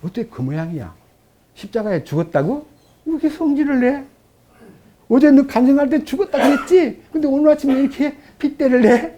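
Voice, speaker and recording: A preacher putting on a sneering accusing devil. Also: male voice, extremely high pitch, animated, a little fast, dark tone, a little hiss or hum, voice pushed up. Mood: taunting. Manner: mocking, needling questions.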